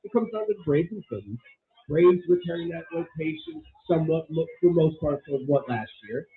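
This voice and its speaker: A man co-hosting a sports talk show argues his picks with emphatic conviction. His voice is a touch high. The sound is thin and tinny, like a phone line. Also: lively intonation, fairly quick. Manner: opinionated, emphatic. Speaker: sports radio co-host. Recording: tinny phone-like radio audio.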